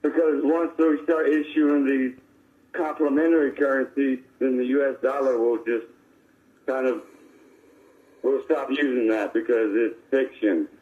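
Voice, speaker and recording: A man phones in to a live radio show and is heard over the radio. He talks informally and wanders through his points with some insistence, at an average male pitch. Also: steady tone, unhurried, phone-quality sound. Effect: voice of a caller over the radio. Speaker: call-in listener. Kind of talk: casual radio call-in.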